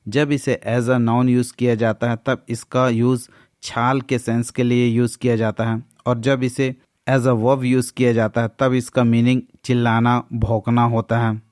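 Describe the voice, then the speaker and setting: Slow, flat-voiced Indian English teacher. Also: male voice, mid-range voice, no echo, studio quality. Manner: slow, deliberate reading pace. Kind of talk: scripted vocabulary lesson.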